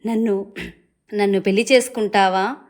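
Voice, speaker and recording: A woman's voice: mid-range voice, steady tone, moderate pace, lightly acted. Woman voicing a stern pig-like beast. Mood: hesitant. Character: gruff male pig-like beast, possessive yet kind.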